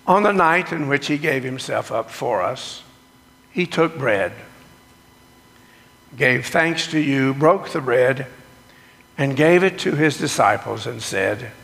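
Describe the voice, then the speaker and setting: A man leading a sermon and communion liturgy as pastor, with a slow, measured delivery, his voice carrying a cathedral echo in a church sanctuary. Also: mid-range voice, lively intonation, creaky, fairly bright tone. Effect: cathedral echo, long church reverb. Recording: long echoing church reverb.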